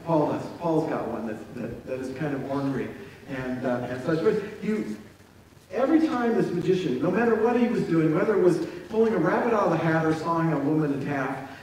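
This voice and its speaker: Folksy pastor in an echoey church. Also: male voice, on the high side, a little mellow, recorded from a distance. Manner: folksy, halting, self-deprecating. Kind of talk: sermon with a told joke. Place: church sanctuary. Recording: echoey church recorded from afar.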